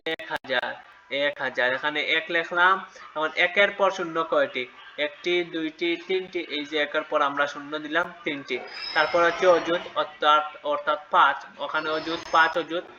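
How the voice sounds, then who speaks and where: Male tutor, patient question-and-answer teaching, bright tone, faint background hum. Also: fairly high pitch, muffled recording. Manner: patient, asks questions and answers them himself. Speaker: math teacher. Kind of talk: step-by-step math lesson for children.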